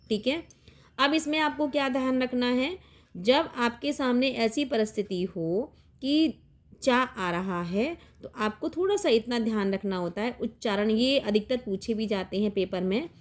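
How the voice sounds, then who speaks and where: A woman's voice: on the high side, darkish tone. A middle-aged woman teaching an exam-prep grammar lesson, explaining rules step by step and often checking in with the listener.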